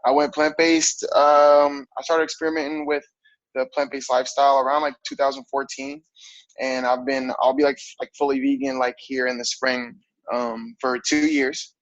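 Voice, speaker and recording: A man in his thirties speaks in a relaxed, rambling way, dotting his talk with fillers and short laughs. His voice sits in an ordinary middle pitch. The recording is dry and slightly muffled. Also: normal speed, dry recording. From grew up on military bases overseas. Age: 30s. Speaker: fitness coach. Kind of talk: casual interview.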